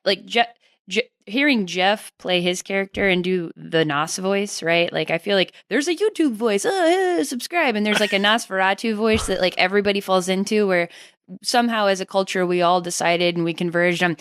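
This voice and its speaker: A woman's voice: mid-range voice, normal speed, clear, resonant tone, no echo. A woman co-hosting a casual podcast, chatty and full of "like" and laughs. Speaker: podcast co-host.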